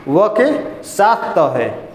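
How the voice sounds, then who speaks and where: Echoey high-voiced male teacher drilling students. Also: wildly swooping pitch, very slow. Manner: drills students with repeated questions. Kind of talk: classroom grammar lesson. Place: classroom. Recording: echoey classroom with long reverb.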